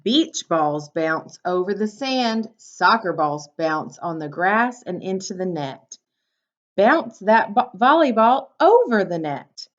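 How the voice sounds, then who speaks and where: A woman teacher's mid-range voice swings widely in pitch as she slowly reads a picture book to young children, giving instructions and asking questions to prompt them. The sound quality is dull and lo-fi.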